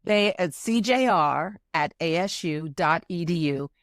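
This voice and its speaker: An older woman speaks as an interview guest, with a somewhat low voice. She tells stories emphatically and voices the people in them. The recording is dry and close. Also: a little slow, dry recording. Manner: emphatic, animated storytelling with quoted dialogue. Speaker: interview guest, arts executive. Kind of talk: conversational interview.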